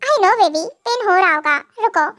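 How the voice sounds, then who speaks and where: A woman's voice: very high-pitched, expressive, normal speed, a bit bright, no echo, studio quality. A woman voicing a playful, teasing young husband in a fan audio drama, joking and calling his wife baby. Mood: puzzled.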